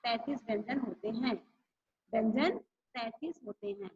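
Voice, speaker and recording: A woman's voice: a little high, darkish tone, husky, dull audio. A woman teacher giving an online grammar lesson to schoolchildren, repeating each rule and example. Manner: slow, repeats each point and example for pupils.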